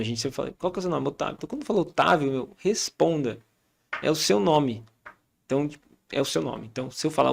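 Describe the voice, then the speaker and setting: Brazilian man in his thirties, podcast guest, very gravelly, talks fast, acts out family scenes. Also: a little high. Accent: Brazilian Portuguese. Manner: storytelling, acting out family dialogue. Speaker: podcast guest, father and church leader. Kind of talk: casual chat.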